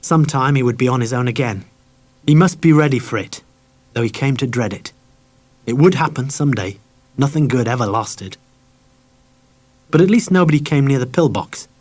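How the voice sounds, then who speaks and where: A man narrating a children's novel as an audiobook reader, measured and quietly dramatic. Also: mid-range voice, expressive.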